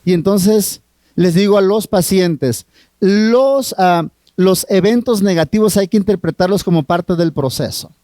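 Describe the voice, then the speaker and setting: A middle-aged man with a Mexican accent, a family therapist preaching at a marriage retreat, earnest and drawn-out, often asking the audience questions. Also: sits high, warm tone, no room sound. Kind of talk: sermon.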